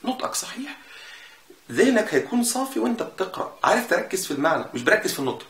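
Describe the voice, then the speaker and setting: A man with an Egyptian Arabic accent teaching a casual language lesson, repeating sounds slowly to show them. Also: sits high, sing-song, fairly bright tone. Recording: echoey room with faint noise.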